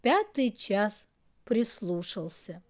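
A woman narrating a children's fairy tale in an expressive storytelling manner. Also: medium pitch, takes it slowly. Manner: sing-song, expressive.

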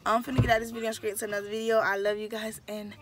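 A woman vlogger talking heartfelt to the camera, effusive and excitable, repeating herself and speeding up in bursts. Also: fairly high pitch, soft background music. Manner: quick bursts of speech.

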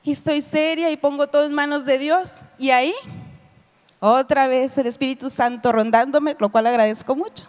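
High-pitched woman, middle-aged, telling her own story in a talk, lots of echo from a big hall. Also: fairly even intonation, moderate pace. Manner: storytelling, addresses listeners directly, acts out quoted dialogue. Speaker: lecturer giving a personal testimony. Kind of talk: spoken lecture to an audience. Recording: long hall reverb.

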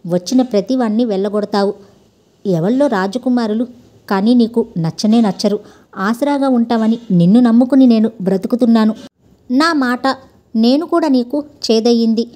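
A woman voicing a sharp-tongued old woman who nags and scorns in a storybook reading. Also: a little high, moderate pace, close to an everyday voice. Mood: scolding. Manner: nagging, harsh, scornful.

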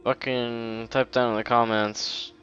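A man's voice: mid-range voice, flat delivery, a little slow, fairly bright tone, dull audio, faint music behind. A man giving casual, rambling commentary over a video game, swearing often and mocking himself. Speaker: let's play gamer.

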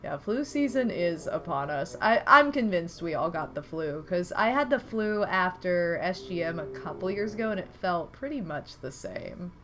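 A young woman streams a game indoors at home, chatting casually at normal speed in a fairly low voice with hardly any pauses. She's congested from a recent flu but lively, exclaiming at the game. A little hiss or hum is audible.

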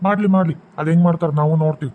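A man's voice: on the high side, fairly even intonation, racing, phone-quality sound, natural voice. A man voicing a protective ghost father in a cartoon, reassuring in a North Karnataka Kannada accent. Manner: reassuring, firm.

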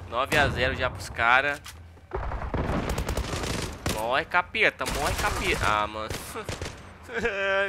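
A man's voice: mid-range voice, noisy background. A young man with a Brazilian Portuguese accent, giving casual commentary over his own gameplay, exasperated and full of slang. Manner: exasperated, slangy, repeats tags like mano and véi. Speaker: gaming YouTuber. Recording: gunfire sounds under the voice.

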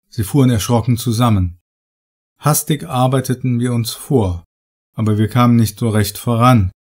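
A man reading a horror story aloud in measured, dramatic, scripted narration. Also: medium pitch, dark tone. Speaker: audiobook narrator.

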